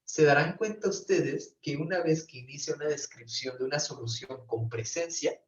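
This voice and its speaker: A man's voice: on the high side, normal speed. Guy teaching therapy over a video call, sounds far from the mic in an echoey room. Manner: explanatory, often checks in with "¿ok?". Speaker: professor teaching brief therapy. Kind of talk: online class lecture. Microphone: computer mic on a video call. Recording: roomy, distant, dull video-call audio.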